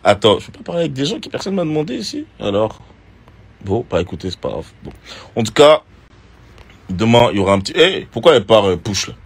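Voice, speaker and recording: A reality TV contestant, a man, chatting casually on social media and answering viewer questions in a relaxed, slangy way. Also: lowish voice, quick pace, breathy edge. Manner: relaxed and slangy, with many fillers.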